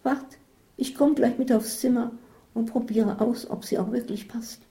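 Female narrator voicing a whiny, shrill holiday companion, high and dark-toned. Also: fairly even intonation, normal speed, natural voice. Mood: subdued. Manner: shrill and self-pitying. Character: whiny complaining woman on holiday.

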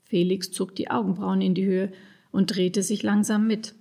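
A woman narrating a children's storybook in a lively, expressive reading. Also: medium pitch, moderate pace, vocal fry, slightly rough.

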